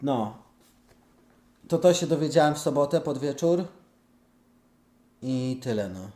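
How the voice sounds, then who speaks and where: A man with a missing front tooth, talking casually to viewers in a blunt, halting, sweary way. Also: mid-range voice, expressive, dark tone. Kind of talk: casual vlog talk to viewers. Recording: echoey room.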